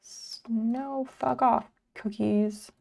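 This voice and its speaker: A woman's voice: a little high, fairly even intonation, very slow, gravelly, a little mellow. A woman live streamer chatting casually while sleepy and yawning, rambling and swearing offhandedly.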